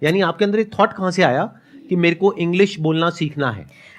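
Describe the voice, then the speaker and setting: A man's voice: a little high, fairly quick. A man hosting a stage interview, putting friendly, lightly teasing questions to his guest. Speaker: host, interviewer.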